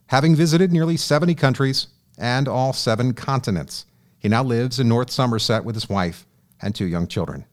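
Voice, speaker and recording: A man's voice: medium pitch, normal speed. A man hosting an interview podcast, reading an introduction and asking questions with frequent repeated words. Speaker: podcast host.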